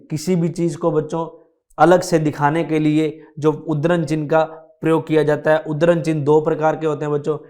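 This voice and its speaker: A male teacher leads a grammar lesson aimed at children, with a voice sitting a little high for a man. He explains patiently, stops to repeat key points, and keeps turning to his young listeners. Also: darkish tone. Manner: slow, repetitive explaining, addresses children often.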